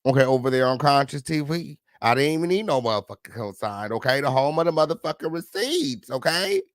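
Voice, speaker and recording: A man hosting a celebrity gossip livestream, sassy and flamboyant, full of loud catchphrases, profanity and high, squealing laughs. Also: sing-song, brisk, no echo, clean studio sound. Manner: frequent high-pitched laughing outbursts. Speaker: gossip show host. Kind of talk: casual livestream commentary.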